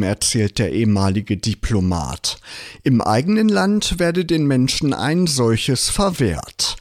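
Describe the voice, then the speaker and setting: A man narrating a news report in a measured reporting tone. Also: mid-range voice. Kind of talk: scripted narration.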